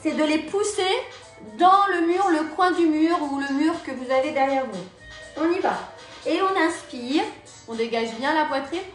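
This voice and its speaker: A woman's voice: high voice, moderate pace, distant mic. A woman teaching a Pilates class, cueing breathing and each movement step by step in an encouraging way. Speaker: Pilates and yoga instructor. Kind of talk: guided exercise class instruction. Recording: very echoey room, voice from afar, faint music.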